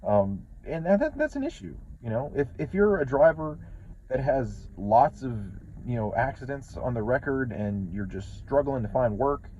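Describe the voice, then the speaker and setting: A man's voice: medium pitch, very animated, moderate pace, warm tone, dull audio, slight background noise. A man, a truck driver, talking casually in a rambling vlog, repeating words and swearing often.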